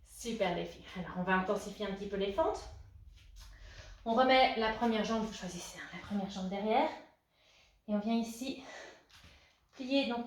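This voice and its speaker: Encouraging woman coaching a workout from a distance. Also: on the high side. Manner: encouraging, counts out reps while exercising. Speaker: fitness coach. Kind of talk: guided postpartum workout class. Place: room at home, moving around away from the camera. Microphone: camera at a distance. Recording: roomy echo, voice from a distance.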